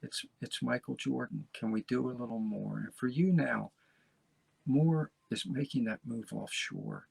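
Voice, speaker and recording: A man in his seventies hosting a talk show, folksy and rambling, encouraging his listeners with a gravelly voice. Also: mid-range voice, big pitch swings, a little slow, darkish tone. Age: 70s. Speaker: podcast host. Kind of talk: motivational casual talk.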